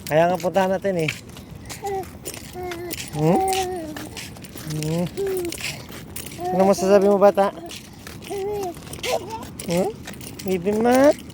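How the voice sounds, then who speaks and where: Woman filming her kid at the park on her phone, slow coaxy baby talk, lots of outside noise. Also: lowish voice, steady tone. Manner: coaxing, sing-song baby talk mixing English. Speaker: parent filming a toddler. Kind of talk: casual family vlog. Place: outdoor park on a hill. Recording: outdoor noise behind.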